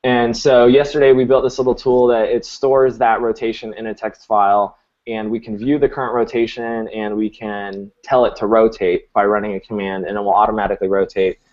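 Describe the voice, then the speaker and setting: A man's voice: on the low side, little pitch movement, fairly quick, darkish tone. A man hosting a live coding stream on a video call, talking casually and thinking aloud with restarts. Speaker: host. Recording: muffled lo-fi audio.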